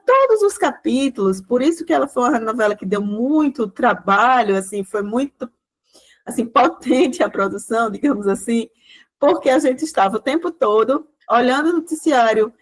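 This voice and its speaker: Over a video call, a woman gives a meandering guest lecture to an online class, her voice on the high side and the recording rough. She's a project coordinator, and her explanation keeps wandering, with frequent "né" tags and false starts.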